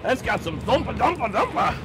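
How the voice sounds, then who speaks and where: A man's voice: very high voice, very animated, brisk, music in the background, rough recording. A man hosting a fishing show on a charter boat, whooping and teasing his crew as fish come in. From Wisconsin. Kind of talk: excited on-boat fishing chatter. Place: open charter boat on a big lake.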